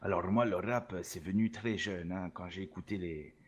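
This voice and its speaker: With a low-pitched voice at a moderate pace, a man role-plays an interview as a cocky Salvadoran rap label boss. He is boastful, mixing Spanish words and "hein" into what he says.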